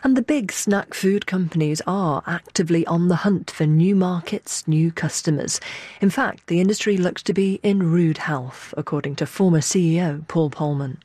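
A woman radio presenter reading crisp scripted links and asking interview questions. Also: lowish voice, normal speed, dark tone, no echo. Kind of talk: broadcast presenting.

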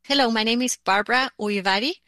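A woman's voice: a little high, quick pace, sharp tone, no echo. A woman from Argentina, answering interview questions in a casual, lightly humorous way. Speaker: listener interviewee.

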